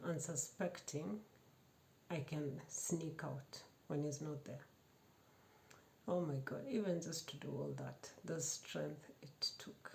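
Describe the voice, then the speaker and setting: A woman giving a personal testimony, telling her story in a lively way, laughing often and acting out the quoted dialogue. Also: low voice, creaky, slight background noise. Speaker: testimony speaker.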